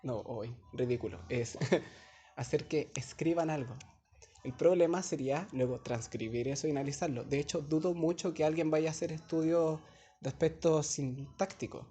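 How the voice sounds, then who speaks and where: A man's voice: a little high, normal speed, warm tone, a little hiss or hum. A young man with a Chilean accent, a teaching assistant explaining an assignment in a chatty, digressive classroom talk full of casual slang, recorded on a phone in a classroom. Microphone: phone held by a student.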